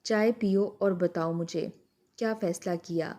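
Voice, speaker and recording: Woman voicing a young husband, heartbroken, pleading, storybook, warm low tone. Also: lightly acted. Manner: emotional, pleading.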